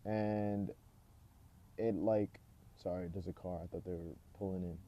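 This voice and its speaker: This low-pitched, slightly slow male voice has its highs cut off. He's a vlogger in his 20s, loosely rambling through an introduction of himself outdoors near rain, with plenty of fillers.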